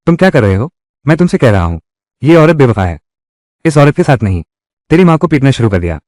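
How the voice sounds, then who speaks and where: A man's voice: mid-range voice, big pitch swings, brisk, darkish tone, no room sound, studio quality. A man dubbing all the roles of a drama, with heated, quarrelsome delivery.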